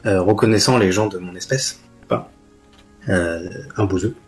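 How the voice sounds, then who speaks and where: A man taking part as a player in a tabletop game, talking casually and haltingly. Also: deep voice, faint music behind.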